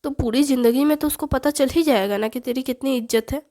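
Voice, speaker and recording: A woman voicing a bossy, loud middle-aged mother who scolds and teases her children. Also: high-pitched, a little fast. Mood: scolding. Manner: scolding, teasing, commanding.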